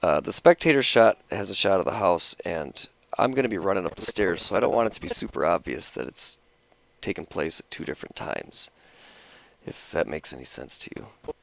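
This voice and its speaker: Gravelly, rambling man explaining his edit. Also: sits low, lively intonation, normal speed, dry recording. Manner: rambling, self-interrupting, talking around a cigarette. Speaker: video creator explaining his editing.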